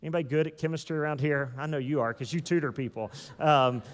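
A high-voiced man in his thirties preaches with loose, conversational energy, slipping into joking asides to the room. His voice rings out with a long, hall-like reverb behind it. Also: quick pace, clear, resonant tone. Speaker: pastor. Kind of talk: sermon.

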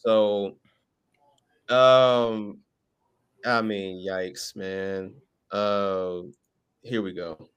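A man's voice: on the low side, flat delivery, drawn-out words, pauses often, smooth. A man hosting a casual podcast, joking and emphatic. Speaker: podcast host.

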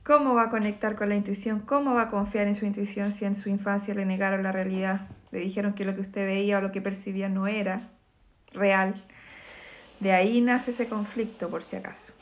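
A woman's voice: mid-range voice, flat delivery, brisk. A woman therapist, explaining emotional wounds in a talk to camera and acting out short quoted voices.

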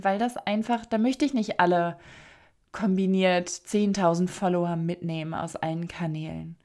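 A woman's voice: fairly low pitch, darkish tone. A middle-aged German woman hosting a solo podcast, talking in an emphatic, direct way. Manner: emphatic, direct, acts out quoted voices. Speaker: podcast host, copywriter.

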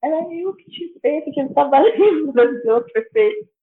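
A woman's voice: high-pitched, expressive, normal speed. A Brazilian Portuguese-speaking woman hosting a podcast, telling chatty stories and exclaiming to her listeners. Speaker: podcast host. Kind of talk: casual storytelling monologue. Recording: tinny phone-like audio.

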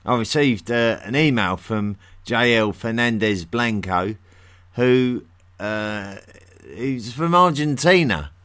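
A man's voice: medium pitch, animated, slow, fairly bright tone. A man with a London-area English accent hosting a history podcast, chatting in a friendly way with many ums and restarts. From England, near London. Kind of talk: solo podcast talk.

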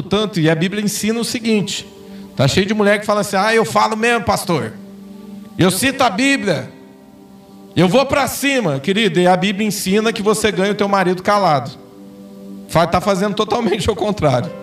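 A man's voice: high voice, recorded from a distance. A man with a Brazilian Portuguese accent preaching a sermon in church, telling personal stories and acting out the quoted dialogue. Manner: storytelling, acts out quoted dialogue with rising intensity. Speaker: pastor. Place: church sanctuary.

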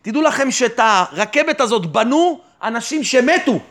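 A man with a strikingly high voice preaches a fervent sermon as a rabbi. He addresses the listener directly, firing off rhetorical questions and answering them himself. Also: lively intonation, a bit bright. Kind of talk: sermon on faith and trust.

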